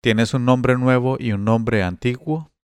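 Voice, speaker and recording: A man's voice: mid-range voice, steady tone, a little slow, clean tone, no echo, clean studio sound, close to an everyday voice. A man voicing a patient, courteous older merchant who bargains in a coaxing tone in a read-aloud tale. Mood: polite, coaxing.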